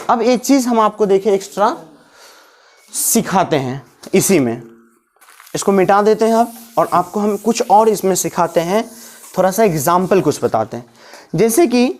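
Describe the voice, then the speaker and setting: A woman's voice: medium pitch, darkish tone. A woman teaching an English lesson step by step, asking questions and answering them herself. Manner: explains step by step, asks and answers own questions. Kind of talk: classroom-style grammar lesson.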